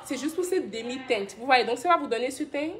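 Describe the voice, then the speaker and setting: A woman's voice: high voice, animated, brisk, a bit bright. Chatty woman hosting a live stream. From Benin. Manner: chatty and affectionate, laughs often, reads comments aloud. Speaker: skincare brand host. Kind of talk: live stream Q&A reading viewer comments.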